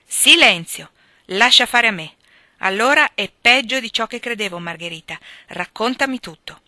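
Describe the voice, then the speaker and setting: A woman's voice: a little high, normal speed, bright, forceful tone, no room sound, voice pushed up. A woman reading aloud and voicing a firm, authoritative mother in a storybook reading. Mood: commanding. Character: stern, commanding mother of four daughters.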